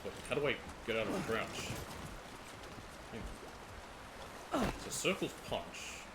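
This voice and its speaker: A man's voice: on the low side, very animated, slow. A man giving casual gameplay commentary, muttering to himself in short fragments. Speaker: gamer playing and commenting on a video game. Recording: clearly noisy, game sounds behind voice.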